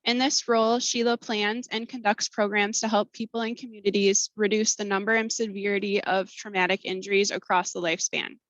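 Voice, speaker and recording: A woman's voice: mid-range voice, flat delivery, a little fast, hardly any pauses, fairly bright tone, dry recording. An American woman moderating a webinar, formally reading scripted announcements and introductions.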